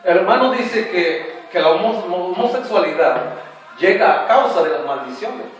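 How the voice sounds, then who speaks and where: A man hosting a church interview, calmly explaining to the congregation. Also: high voice, moderate pace, faint music behind. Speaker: host interviewing the guest. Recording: very echoey, far from the mic, faint noise.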